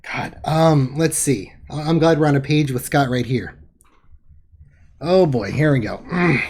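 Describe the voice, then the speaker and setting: A woman's voice: low-pitched, measured pace, darkish tone, slightly rough. A woman hosting a casual livestream, reading chat with wry remarks and casual swearing. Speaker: host.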